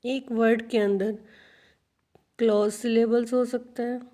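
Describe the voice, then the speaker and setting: Woman teaching slowly. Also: a little high, little pitch movement, mellow. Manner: repeats words slowly, addresses students as children. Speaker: English teacher. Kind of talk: teaching a video lesson.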